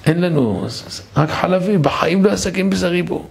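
A man voicing a poor man's wife, complaining in a raised, gravelly voice. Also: high-pitched, heavily acted. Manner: raised, nagging.

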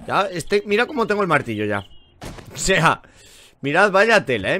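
A man talks through his game in a bright, lively voice that leaps up and down in pitch. He chats and grumbles, swearing freely as he plays. A faint hiss of background noise sits under his voice. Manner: chatty and exasperated, swears often. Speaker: gaming channel host. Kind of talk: let's play commentary.

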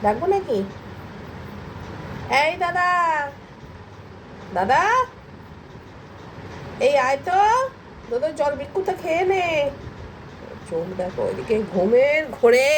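A woman's voice: high-pitched, big pitch swings, slow, long pauses. A woman filming a casual home vlog, coaxing her pet dog in affectionate baby talk. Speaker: dog owner. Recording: traffic noise behind.

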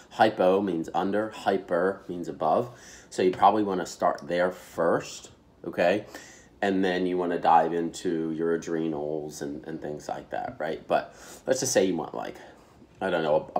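A man in his thirties talks into a webcam in a small home office. His voice sits low, and he speaks in a loose, chatty way, full of fillers and quick asides. He gestures a lot as he explains. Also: darkish tone. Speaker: health vlogger. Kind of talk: casual explainer vlog.

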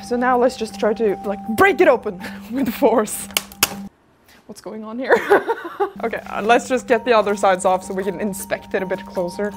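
A woman hosting a crafting vlog, chatting casually and excitably, laughing often as she talks through her work. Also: medium pitch, moderate pace, noisy background. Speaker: craft video host.

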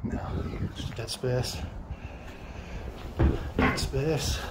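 A man's voice: mid-range voice, fairly even intonation, very slow. A man giving terse, muttered running commentary as he explores an abandoned rural building on a handheld camera. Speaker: urban explorer. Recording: noisy outdoor ambience.

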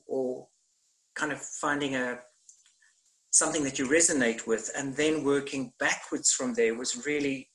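A man's voice: medium pitch, fairly bright tone, low-quality recording. A middle-aged man, a theatre maker, speaking on a video call panel from a room at home, thoughtful and hesitant with many fillers. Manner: gestures widely while talking. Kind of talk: online panel discussion. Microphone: laptop webcam on video call.

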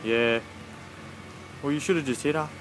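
A man's voice: medium pitch, normal speed, noisy background, natural voice. A man voicing a blunt, dismissive street tough in a silly comic redub, speaking curtly. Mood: dismissive, threatening. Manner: curt, blunt. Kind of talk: silly mismatched comic redub of distant people.

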